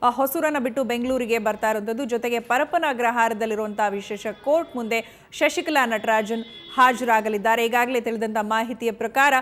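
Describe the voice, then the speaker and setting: A fairly high-voiced woman with a Kannada accent anchors live breaking news. She keeps repeating the latest updates in an urgent tone, filling pauses with drawn-out fillers. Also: fairly bright tone. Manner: repetitive, urgent, with frequent fillers.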